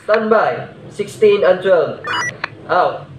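Brief: young male student as a ship's officer on marine radio. Clipped, formal calls, slightly high voice, echoey room, noisy. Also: animated, slow. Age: young adult. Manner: formal clipped radio phrasing, ending turns with "over". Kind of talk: marine radio call procedure roleplay. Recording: echoey room with loud noise.

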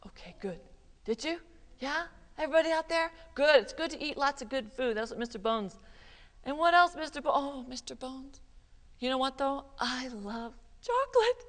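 A woman leads a children's yoga lesson in a library room. She coaxes and animates her young audience, her pitch swinging widely. A long reverb trails her voice. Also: moderate pace. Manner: animated, coaxing, sprinkles in Spanish words. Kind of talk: teaching children live.

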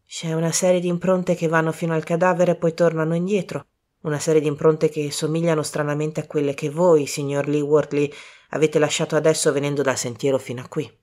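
A woman voicing a calm, grave older male detective in an audiobook reading, speaking slowly and quietly. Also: deep voice, natural voice. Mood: grave, measured. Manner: slow, hushed and measured.

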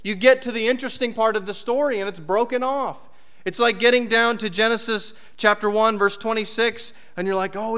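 Guy in his 30s giving a chatty sermon, high bright clear voice, podium mic. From United States. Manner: conversational, lively preaching with asides and rhetorical questions. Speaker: preacher. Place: church hall.

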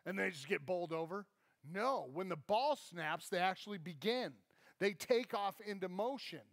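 A man in his thirties delivers a sermon from a church stage, pacing and gesturing as he talks. His voice sits high for a man. The sound is dry and close, with little room echo. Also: expressive, moderate pace, fairly bright tone. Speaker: pastor. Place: church stage, large indoor hall.

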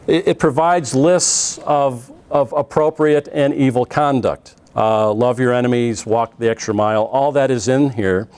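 Middle-aged man, classroom lecture, conversational, halting fillers and restarts, lapel mic. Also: mid-range voice, darkish tone, clean tone. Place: classroom in front of a projected slide.

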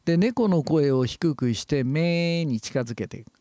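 A man giving a calm, measured lecture on voice training, explaining step by step with frequent hesitation fillers. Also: a little high, dry recording.

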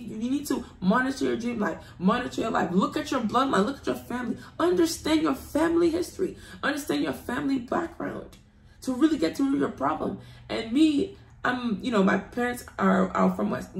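A woman's voice: fairly high pitch, vocal fry. A woman from the United Kingdom giving an earnest personal testimony, urging listeners with a preaching emphasis. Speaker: testimony guest. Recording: roomy echo.

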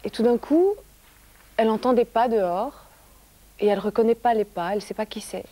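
Soft-spoken woman telling a children's story. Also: fairly high pitch, a little fast, no echo. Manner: soft-spoken, dropping to a whisper at times. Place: TV studio.

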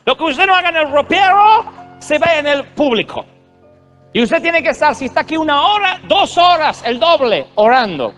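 A man's voice: very high-pitched, very animated, moderate pace, a bit bright, soft background music, voice pushed up, full character voice. A man doing a stern old German pastor. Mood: exhorting. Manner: emphatic, preachy. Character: stern older male German pastor, demanding.

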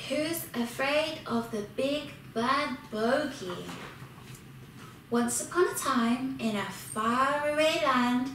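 Slow high-voiced woman reading a children's story. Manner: expressive, unhurried reading. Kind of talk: children's storybook read-aloud. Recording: very echoey room, distant mic, faint hiss.

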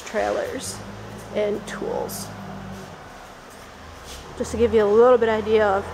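On a handheld camera, a Western New York woman from the auction house narrates a casual walk through a big indoor vehicle warehouse, her voice on the high side. She talks plainly and informally, self-correcting as she moves. The audio carries a lot of warehouse noise.

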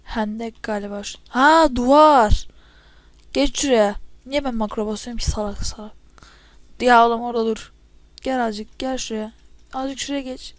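There's no room sound in this casual let's-play, recorded on a spare headset mic. The high-voiced gamer commentates her own play excitably, bursting into loud yells at setbacks.

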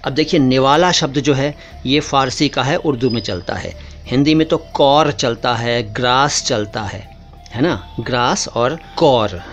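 A man's voice: medium pitch, a little slow, highs cut off, faint music behind. A man teaching word origins in a casual, patient lesson, often repeating key words and calling his viewers brother. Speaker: language teacher.

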